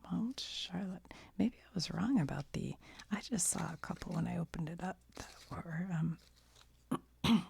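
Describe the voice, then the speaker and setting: Murmuring in a low, very creaky whisper, an American-accented woman hosts an ASMR show-and-tell, reading aloud and chatting casually as if thinking out loud for her viewer. Breath roughens each phrase and smudges her tone.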